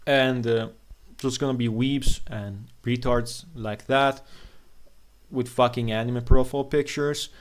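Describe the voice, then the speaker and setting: Speaking unscripted as a video commentator, this man delivers an opinionated tirade that is contemptuous, crude, and direct. He stumbles and stammers throughout, his mid-range pitch staying fairly level.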